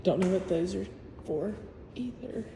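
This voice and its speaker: A woman's voice: mid-range voice, expressive, a little slow, gravelly. A woman working as a real estate agent, giving a casual room-by-room tour of a new house in a chatty, matter-of-fact way. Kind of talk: casual home-tour walkthrough. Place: empty new-built house, indoors. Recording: echoey empty rooms with long reverb, faint hum.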